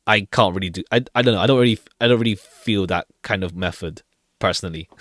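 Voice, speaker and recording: A man with a low voice and a fairly bright tone streams a game live, talking quickly and casually, rambling with hesitations and repeated phrases. There's no echo, just faint jazzy game music in the background.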